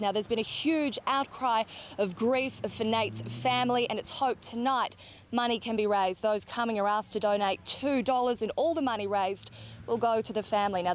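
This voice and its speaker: A woman's voice: fairly high pitch, slight background noise. A woman with an Australian accent giving a live television news report on location. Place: on location in a park.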